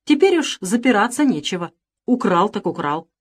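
A woman voicing a calm, insolent male valet who speaks in an unruffled, sneering way. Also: mid-range voice, normal speed, husky. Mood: mocking.

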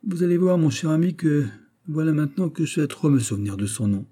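A man's voice: a little high, expressive, fairly quick, warm tone, pitched above the performer's own voice. A man reading a pompous, boastful musketeer. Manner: pompous, delighted with himself. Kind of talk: audiobook character voice.

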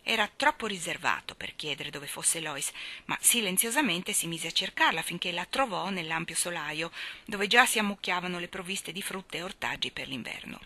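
A woman reading a novel aloud as audiobook narrator, measured and expressive. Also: medium pitch. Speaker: audiobook reader.

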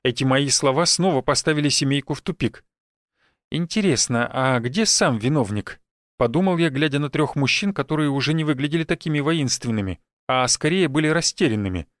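A man reading a first-person novel aloud in a steady, even storytelling manner. His voice sits somewhat high for a man and is recorded dry and close, with no room sound. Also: fast talker, hardly any pauses, dry recording. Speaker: audiobook narrator. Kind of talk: scripted first-person narration.

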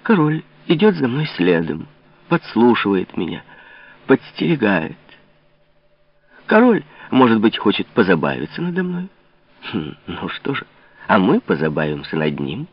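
A man reading an audiobook, voicing a cold, mocking king in a low, measured tone. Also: huge pitch swings, full character voice. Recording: dull lo-fi recording.

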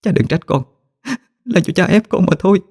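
A man's voice: fairly high pitch, fairly quick, darkish tone, dry recording, studio quality, pitched above the performer's own voice. A man voicing a frightened young village woman who pleads through tears. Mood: sobbing. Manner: pleading, sobbing.

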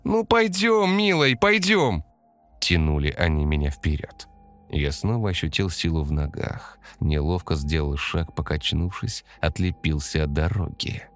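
Deep-voiced man narrating a horror story. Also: steady tone, normal speed, faint music behind.

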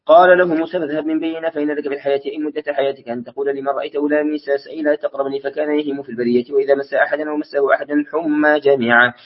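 A man reading Quranic commentary aloud as a religious teacher, in a quick monotone recitation with brief self-corrections, on a dull lo-fi recording. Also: fairly high pitch.

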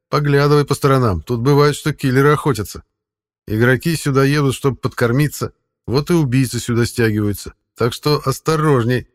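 A man's voice: medium pitch, voice pushed up, close to an everyday voice. A man voicing a sardonic male talking cat who mentors the hero in a scolding, mocking way. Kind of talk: audiobook character voice.

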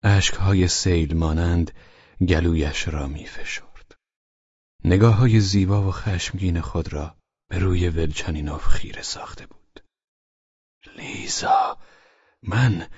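A man narrating a novel as an audiobook in a measured, even manner, close to the mic. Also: low voice, breathy edge, no room sound, lo-fi sound. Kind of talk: scripted literary narration.

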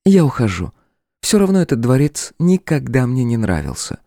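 A man voicing a calm, defiant demoness in an audiobook, speaking in a raised, unbothered tone with a smile. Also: medium pitch, normal speed, vocal fry, dry recording, clean studio sound, pitched above the performer's own voice. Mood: cool mocking. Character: cool mocking demoness woman, calm and defiant.

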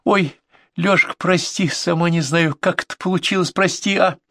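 A man's voice: sits high, steady tone, moderate pace, a bit bright, dry recording, studio quality, pitched above the performer's own voice. A man voicing a playful, teasing young village girl who coaxes and mocks in a sing-song way. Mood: pleading. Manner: coaxing, mocking, sing-song pleading. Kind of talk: storybook reading.

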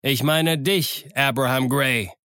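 A man's voice: medium pitch, takes it slowly, sharp tone, clear, resonant tone, no echo, clean studio sound. A man voicing a stern, commanding male ship captain who calls out emphatically in an audiobook. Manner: raised, emphatic calling out. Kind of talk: audiobook character voice.

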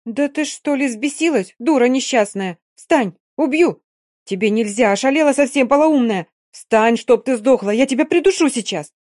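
Woman doing fierce young woman, sharp, loud, raised pitch. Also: animated, normal speed, dry recording, clean studio sound. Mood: furious. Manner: shouting, sharp. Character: young Romani woman, fierce and quick-tempered.

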